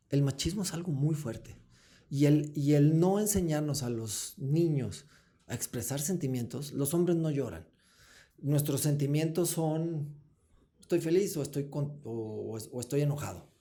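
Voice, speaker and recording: Man, slightly high but dark, mellow tone; interview guest who explains patiently. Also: moderate pace. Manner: explanatory, acts out short dialogues with children. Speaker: guest, foundation founder. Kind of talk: earnest interview talk.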